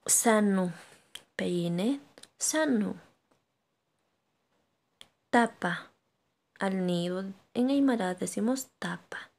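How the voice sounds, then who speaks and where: Slow, deliberate woman teaching language. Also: mid-range voice, expressive, vocal fry, a little mellow. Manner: slow, repeating words for learners to echo. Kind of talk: language lesson.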